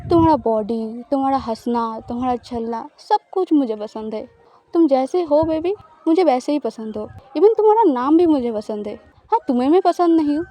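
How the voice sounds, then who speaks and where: Woman doing a teasing possessive spouse, audio story, smug coaxing tone, high mellow voice.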